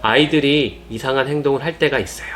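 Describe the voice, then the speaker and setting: Male narrator, mid pitch, earnest gentle advice read over faint music. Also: fast talker, a little hiss or hum. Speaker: parenting channel narrator. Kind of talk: scripted narration. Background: soft background music.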